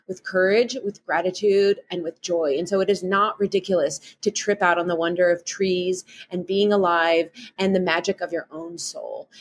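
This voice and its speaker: Woman, Midwestern accent, slightly low voice; cheerful, chatty podcast guest. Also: husky. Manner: upbeat, chatty, frequent "like", laughs often. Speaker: guest author and meditation guide. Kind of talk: podcast interview.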